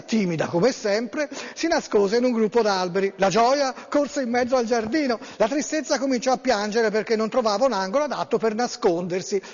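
A male radio host chats in a rambling, hesitant way, full of fillers, and reads a story aloud. His voice is high with a darkish tone, heard through dull lo-fi sound with long reverb.

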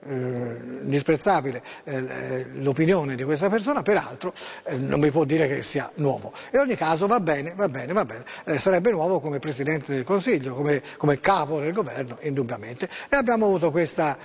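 A man's voice: a little high, expressive, normal speed, breathy edge. A man hosting a radio show, chatting in a rambling, hesitant way with many fillers and reading a story aloud. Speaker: radio host. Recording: dull lo-fi sound with long reverb.

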